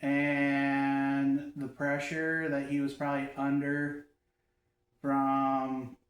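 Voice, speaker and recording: A man's voice: medium pitch, monotone, very slow. Man, guest, casual chat, blunt, laughs easily, far from phone, echoey room. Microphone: phone across the room, no mic.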